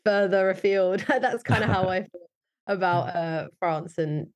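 This UK-born wedding photographer is an interview guest who talks in a relaxed, chatty way, leaning heavily on "like" and "you know." Her voice sits on the low side and she speaks a little slowly.

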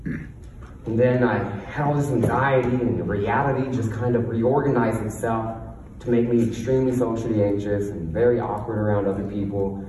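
A motivational speaker and coach delivers a confident, emphatic talk on a stage before an audience, using rhetorical questions. He has a lisp and can't say R's, so they come out as W's. His voice is fairly low with fairly even intonation at normal speed, captured from far off in an echoey hall with faint noise.

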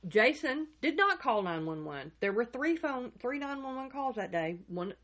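A woman's voice: on the high side, big pitch swings, moderate pace, a bit bright, lo-fi sound. A woman hosting a true crime podcast, telling the story casually and acting out the quotes of the people in it. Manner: retells events with acted-out quotes.

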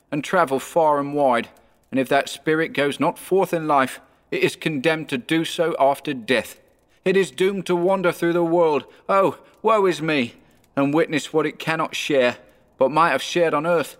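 A man voicing the ghost of an old miser in a read-aloud story, solemn and wailing, pitched well above his own voice. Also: normal speed, big-room sound, close to an everyday voice. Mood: mournful. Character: ghost of an old male miser, doomed and mournful.

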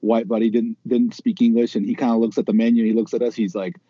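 A man's voice: medium pitch, monotone, fast, dark tone, no echo. A man who is a guest on a casual podcast, talking thoughtfully and telling stories. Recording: dry, dull lo-fi audio.

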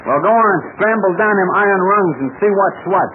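A man's voice: sits high, fairly quick, natural voice. Man playing a cocky tough-guy crook, tinny old radio. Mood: fed up. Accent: American. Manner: slangy, boastful, bullying wise guy. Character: tough, cocky American male crook, slangy and bossy. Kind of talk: 1940s radio acting. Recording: noisy, tinny 1940s radio recording.

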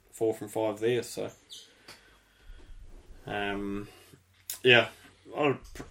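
A man's voice: on the low side, fairly bright tone. A man chatting casually as host, rambling through technical details and swearing now and then. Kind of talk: casual chat.

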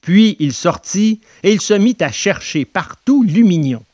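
A man narrating a storybook in an expressive telling voice. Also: high-pitched, unhurried, no room sound, muffled recording.

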